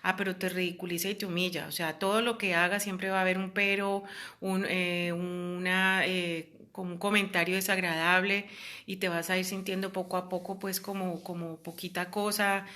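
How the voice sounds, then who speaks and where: A woman's voice: lowish voice, level tone, moderate pace, pushed and bright. A woman, talking earnestly and casually as a host, with many fillers and quoted voices. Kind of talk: casual talk about psychological abuse.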